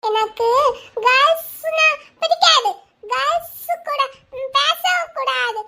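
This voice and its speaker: Tiny stubborn cartoon boy, very high squeaky voice, slow whiny drawl, bright and sharp. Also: vocal fry, heavily acted. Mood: tearful. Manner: childish, whiny, often tearful. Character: small whiny little boy, stubborn and clingy. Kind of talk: cartoon voice acting.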